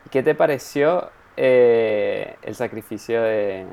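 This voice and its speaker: A man's voice: medium pitch, slow, creaky, a little mellow, smooth. A young man in casual chat, telling an anecdote animatedly and acting out his own reactions.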